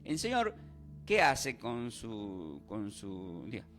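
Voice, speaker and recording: A man's voice: on the low side, wildly swooping pitch, drawn-out words, fairly bright tone, soft background music. A man preaching a sermon, asking rhetorical questions and leading call-and-response.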